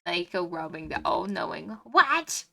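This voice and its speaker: A female streamer reads a visual novel aloud and riffs on it casually, gushing and self-deprecating in a chatty way. She speaks at a moderate pace with lively intonation, her medium-pitched voice sounding pushed and bright.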